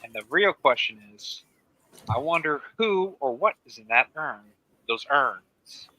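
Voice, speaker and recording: A man co-hosting a podcast, excitable and profane in casual banter. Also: on the high side, unhurried, a little hiss or hum, low-quality recording. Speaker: podcast co-host.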